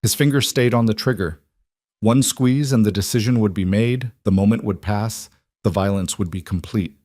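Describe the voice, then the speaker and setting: A man giving scripted, measured narration of a dramatic story. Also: fairly low pitch, a little mellow, no echo, studio quality.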